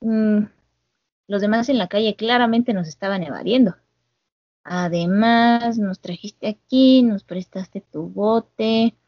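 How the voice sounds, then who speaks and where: A woman's voice: medium pitch, takes it slowly, no echo. A woman voicing a wary young male pirate who asks hesitant, probing questions, heard over slightly dull call audio. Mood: suspicious.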